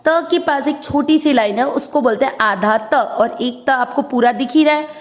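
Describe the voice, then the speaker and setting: A woman's voice: high voice, normal speed. A woman teaching Sanskrit verse pronunciation, patiently breaking words into syllables and stretching out each sound. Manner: patient, drawing out syllables and repeating each word. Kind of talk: slow syllable-by-syllable pronunciation lesson.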